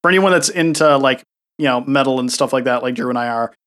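A man's voice: mid-range voice, quick pace, a bit bright. A man co-hosting a casual gaming podcast, easygoing and full of fillers. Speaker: podcast co-host.

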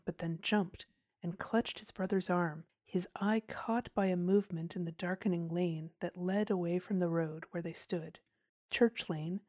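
A woman narrates a storybook in a measured, expressive way. Her voice is low and mellow, and the recording is close and dry with no room sound. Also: no room sound. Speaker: audiobook narrator.

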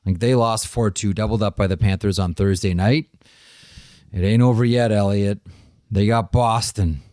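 A man's voice: lowish voice, steady tone, normal speed, mellow, no room sound, clean studio sound. A man co-hosting a hockey podcast in casual chat, asking pointed questions and steering the talk onto the next topic.

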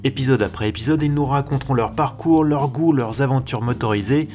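With faint music behind him, a car journalist in his forties conducts a podcast interview, a little fast and full of enthusiasm, often tripping over words and restarting. He has a medium-pitched voice with a dark tone.

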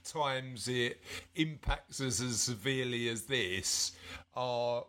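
A man's voice: medium pitch, takes it slowly, sharp tone. A middle-aged man with an English accent, presenting and chatting casually as a podcast host.

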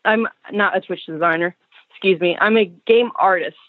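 A young woman heard on a tinny phone speaker. Her line is thin and narrow, and it sounds dry, with no room around it. She talks in a hesitant, self-conscious way and keeps her pitch in a middle range. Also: normal speed, dry recording. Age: young adult. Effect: heard over a phone speaker. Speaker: caller. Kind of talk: casual phone chat.

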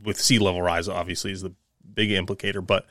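A man chats casually. His voice sits fairly low, and the recording is close and dry, as on a co-hosted podcast. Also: level tone, fast, bright, forceful tone, no echo. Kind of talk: casual chat.

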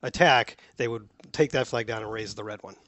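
Middle-aged male co-host, chatty and explaining, mid pitch, dry close sound. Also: a little fast, a bit bright, no room sound. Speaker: podcast co-host. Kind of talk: casual chat.

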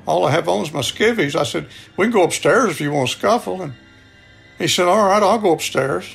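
With faint music behind him, an older Texan radio storyteller recounts a personal story folksily, acting out each exchange. His high voice is creaky and husky, with lively intonation and a fairly quick pace.

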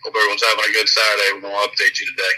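A man co-hosting a casual live podcast, heard over a phone on speakerphone, giving a quick, upbeat greeting. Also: lowish voice, monotone, pushed and bright. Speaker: podcast co-host. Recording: tinny speakerphone phone line, distant.

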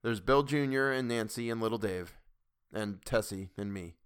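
A man voicing a quiet, resigned farming husband who speaks plainly and regretfully. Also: on the low side, moderate pace, clean tone, close to an everyday voice.

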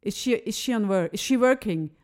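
A woman voicing a pushy, talkative cleaning lady who repeats herself loudly in broken English. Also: medium pitch, animated, fairly quick, natural voice. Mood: insistent.

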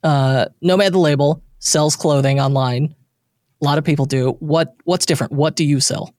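A man's voice: on the high side, fairly even intonation, moderate pace, darkish tone, no room sound, studio quality. A man hosting a podcast interview in a casual, chatty, self-deprecating way. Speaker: podcast host.

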